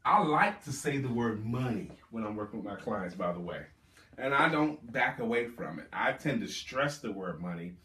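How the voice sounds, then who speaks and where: A man's voice: lowish voice, expressive, moderate pace, pushed and bright, reverberant, far from the mic. A man giving a motivational sales seminar talk as a trainer, speaking emphatically and repeating key words for stress.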